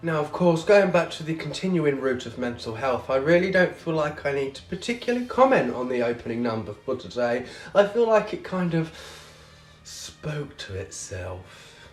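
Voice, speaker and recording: A man's voice: fairly high pitch, sing-song, normal speed, faint music behind. A man hosting a show as a drag queen, with a camp, cheeky, theatrical manner. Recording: roomy echo on the voice.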